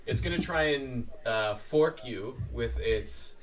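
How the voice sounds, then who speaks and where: A man running a tabletop game as game master, narrating the action in a relaxed, halting way with many fillers. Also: mid-range voice. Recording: distant mic with faint noise.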